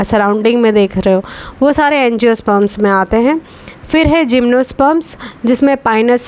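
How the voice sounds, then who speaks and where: Higher-pitched woman teaching biology. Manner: explains step by step, many fillers and restarts, mixes in English terms; slows to dictate key terms word by word. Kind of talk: online class lecture.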